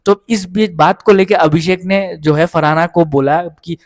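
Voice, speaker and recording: Fairly high-voiced man recapping casually. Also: unhurried, no room sound, clean studio sound. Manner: rambling retelling, keeps checking in with listeners. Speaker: reality show recap vlogger. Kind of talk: casual spoken episode recap.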